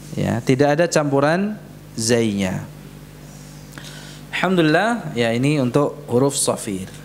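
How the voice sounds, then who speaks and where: A man's voice: medium pitch, darkish tone, a little hiss or hum. A man teaching Quran recitation in a mosque, patiently repeating letter sounds so his students can copy them. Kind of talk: tajweed lesson in a mosque. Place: prayer hall of a mosque.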